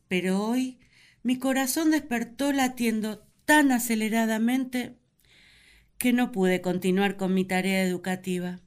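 In a sentimental radio drama monologue, an actress plays an earnest, lovesick first woman confiding her feelings. Her voice sits a little high, and the mood is yearning.

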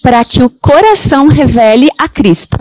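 A woman, a guest author, giving slow, halting answers on a live video call whose audio keeps breaking up and cutting out. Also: sits high, animated, darkish tone, dry recording, faint music behind. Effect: choppy, breaking-up video call audio. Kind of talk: live-stream interview answers.

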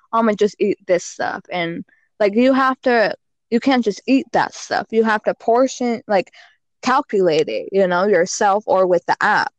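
A woman's voice: medium pitch, dry recording. A woman guest on a casual podcast, giving frank fitness and diet advice with lots of "like" and "you know.".

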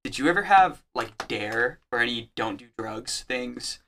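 A man's voice: mid-range voice, expressive, unhurried, vocal fry, fairly bright tone, a little hiss or hum. A man co-hosting a casual podcast, teasing his partner and laughing often. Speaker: podcast co-host.

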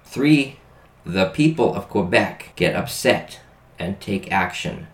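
Deep-voiced man with an echoey sound. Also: animated, takes it slowly. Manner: jokey, stumbles over hard words. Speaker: podcast co-host. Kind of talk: casual podcast chat and reading aloud. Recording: echoey room.

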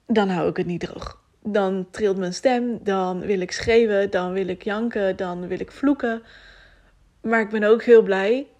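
A woman's voice: medium pitch, darkish tone. Woman, solo podcast host; candid, emotional, rambling delivery with fillers. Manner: rambling, jumps from topic to topic. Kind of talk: personal solo podcast monologue.

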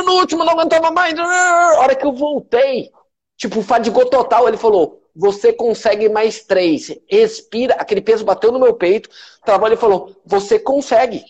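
His high voice is a little mellow and the recording muffled as this man, speaking with a Brazilian Portuguese accent, gives a motivational live stream to followers. He's emphatic, repeats himself, and swears freely.

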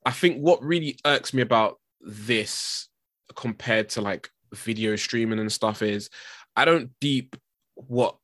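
Animated man, bright and dry. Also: mid-range voice, measured pace, no echo. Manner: animated, laughs often, filler-heavy. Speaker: podcast host. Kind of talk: casual chat.

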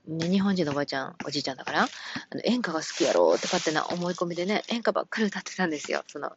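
A woman with a Kansai accent, gently telling a personal story from her work as a caregiver, with many soft fillers. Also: sits low, muffled recording, background noise. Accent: Kansai Japanese. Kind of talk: casual radio-style talk.

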